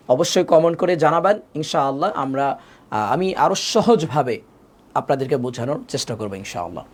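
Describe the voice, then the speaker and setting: Male Quran teacher, patient and repetitive, fairly high, animated pitch, slows down to spell out letters. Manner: patient, repeats each rule with call-and-response questions. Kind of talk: live online tajweed class.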